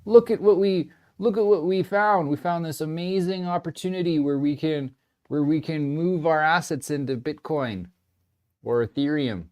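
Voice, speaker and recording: A man's voice: on the high side, normal speed, voice pushed up, close to an everyday voice. A man putting on a sarcastic, falsely delighted voice for a government figure announcing a new opportunity. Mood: mock excitement. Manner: mock-excited, sarcastic impression. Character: smug scheming government official, male.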